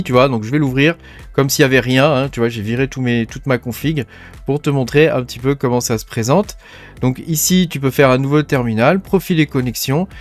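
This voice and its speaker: A man hosting a casual screen-share tech tutorial, talking informally to the viewer with many fillers. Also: medium pitch. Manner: chatty, informal, frequent "hein" and "tu vois" fillers.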